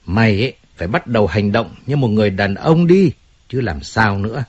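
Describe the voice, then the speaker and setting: A cold, commanding older crime boss, as a man reads him out addresses his godson with curt authority. The voice is husky and low-key, with scorn underneath. The storybook recording sounds somewhat dull. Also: expressive, normal speed, no echo. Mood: scornful angry.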